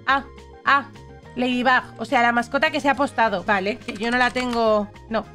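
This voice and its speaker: A young woman from Spain with a Spanish accent, commenting a game on her channel in an animated, sarcastic, playfully dramatic way. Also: on the high side, moderate pace, faint music behind. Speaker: gaming youtuber. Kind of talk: casual gameplay commentary.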